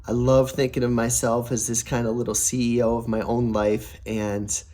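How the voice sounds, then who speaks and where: This personal finance vlogger is a young adult man whose warm, medium-pitched voice keeps a level tone at a moderate pace, though it's prone to cracking. Talking casually to camera about family savings, he sounds upbeat and rambles with plenty of fillers and restarts.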